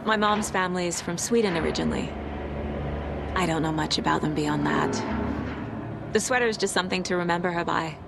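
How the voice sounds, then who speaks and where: A woman playing a composed, curious FBI agent in a video game, speaking in a measured, matter-of-fact way. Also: fairly low pitch, vocal fry, background noise. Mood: composed, reflective.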